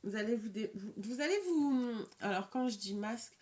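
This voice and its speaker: A woman's voice: a little high, darkish tone, slight background noise. Lisping woman giving an informal card reading. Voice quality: slight lisp, slushy sibilants. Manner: halting, repeats and rephrases words. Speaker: tarot and oracle card reader. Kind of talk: informal, improvised card reading addressed to viewers.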